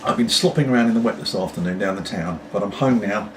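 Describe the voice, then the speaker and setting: This pipe-smoking video blogger, a low-voiced British man, chats quickly to camera at home with the pipe in his mouth. His talk meanders casually and is sprinkled with apologies. It's captured on a distant mic with plenty of background noise.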